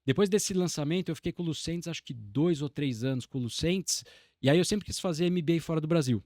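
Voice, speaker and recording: A man's voice: fairly high pitch, fairly quick, a little mellow, no room sound, studio quality. A Brazilian man in his forties, a podcast guest telling long career stories in a reflective, meandering way, often restarting his sentences. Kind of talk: casual interview conversation.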